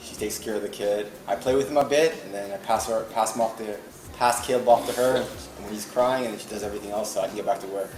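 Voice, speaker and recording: A man's voice: lowish voice, fairly even intonation, quick pace, background noise. A father speaking offhand and candidly in an interview. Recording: echoey room with loud music.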